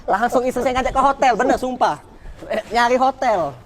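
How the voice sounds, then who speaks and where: A man, an interview guest, telling a personal story in a vivid, repetitive way that swings from loud to hushed. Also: very high voice, fairly quick, a little hiss or hum.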